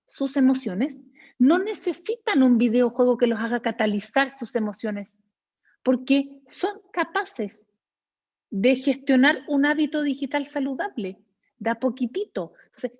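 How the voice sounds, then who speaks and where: A woman with a Chilean Spanish accent giving a lecture to teachers, lively, acting out little parent-child exchanges and often checking in with her audience. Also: high-pitched, slightly rough, highs cut off. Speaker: workshop speaker for teachers.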